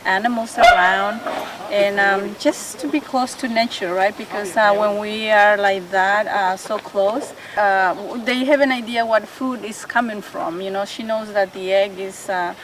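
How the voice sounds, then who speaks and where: A woman's voice: medium pitch, fairly even intonation, unhurried. Woman from El Salvador, distant mic. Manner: friendly, slightly broken English. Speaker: backyard chicken keeper. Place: backyard with chickens. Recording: distant mic with background noise. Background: chickens.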